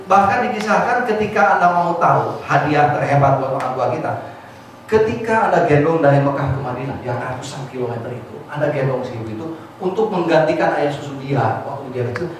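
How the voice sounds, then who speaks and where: A man giving a motivational seminar talk who keeps calling on the audience to answer, mixing in English phrases. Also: a little high. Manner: lively, calls on the audience to answer. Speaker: motivational speaker. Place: large hall with an audience. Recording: echoey hall, far mic, noisy.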